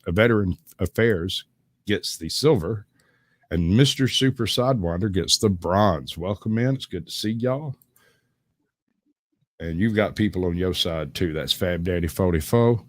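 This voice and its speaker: Male live host, low pitch, Southern US accent, folksy joker, loose chatty rambling, dry sound. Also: no echo. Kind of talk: casual live stream chat.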